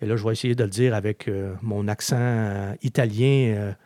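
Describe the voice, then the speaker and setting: A man's voice: fairly low pitch, normal speed, dry recording. Male podcast host, chatty storyteller, dry close mic. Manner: chatty storyteller, animated, with frequent filler words. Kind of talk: casual podcast chat.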